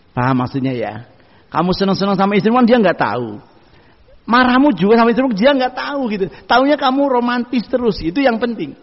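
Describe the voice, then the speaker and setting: A man preaching a sermon, giving homely advice and quoting Arabic. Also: high voice. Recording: dull echoey hall.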